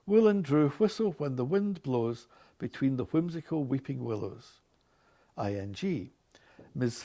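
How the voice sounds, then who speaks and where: Older Glaswegian man with a mellow voice. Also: on the high side. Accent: Glasgow Scottish. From Glasgow, Scotland. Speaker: organist. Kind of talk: reading accent sample passages and word lists aloud; casual chat about his own life.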